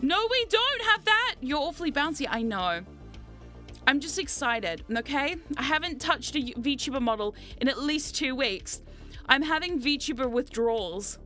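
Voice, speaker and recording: A woman livestreamer with a very high-pitched voice chats casually to her viewers, excitable and playfully dramatic. She is jet lagged with a mild sore throat, yet sounds bright and forward as she rambles over faint music. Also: normal speed. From New Zealand. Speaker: VTuber streamer and host.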